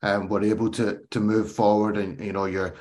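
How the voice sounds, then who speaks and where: A man's voice: lowish voice, level tone, normal speed, a little mellow. A man hosting a casual interview, asking friendly, chatty questions and often restarting his phrases. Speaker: interview host.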